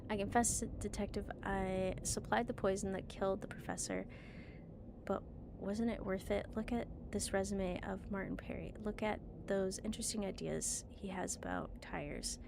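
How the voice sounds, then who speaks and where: A woman's voice: medium pitch, fairly even intonation, normal speed, gravelly, background noise, close to an everyday voice. A woman playing an earnest, self-justifying talent manager in a mystery game. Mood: unrepentant. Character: unrepentant talent manager keen on innovative wheels.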